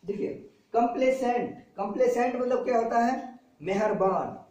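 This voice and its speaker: A man's voice: extremely high pitch, moderate pace, a little mellow. A man teaching vocabulary to a class, repeating each word and its meaning and quizzing his students. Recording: very echoey classroom from far off.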